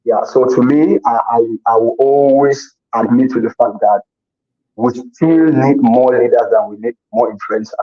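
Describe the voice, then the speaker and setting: In a dull, lo-fi recording, a man with a mid-range voice speaks at normal speed. As an interview guest he answers earnestly and casually, repeating words as he thinks.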